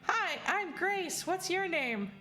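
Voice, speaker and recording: A creepy porcelain doll from a video game, speaks in a high little-girl voice. She is sweetly eager to play, with a cheery singsong lilt that stays childlike throughout. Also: lively intonation, takes it slowly, bright, forceful tone, soft background music, exaggerated voice.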